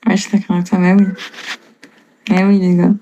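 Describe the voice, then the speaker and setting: A woman's voice: on the low side, completely flat delivery, fairly quick, dark tone, highs cut off, slight background noise. A woman in her twenties with a slight northern French accent from Lille, chatting casually with viewers on a live stream, reading and answering their comments with frequent laughs. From northern France. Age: 20s. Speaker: livestreamer.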